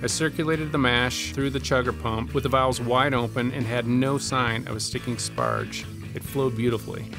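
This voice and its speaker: A man in his forties, a home brewer, narrating a scripted voice-over with a measured, steady delivery. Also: mid-range voice, vocal fry. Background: guitar music.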